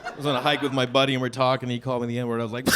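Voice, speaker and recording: A man doing a stand-up comedy set, telling a story with animated delivery and sudden high shouted quotes. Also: very noisy. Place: comedy show venue with audience.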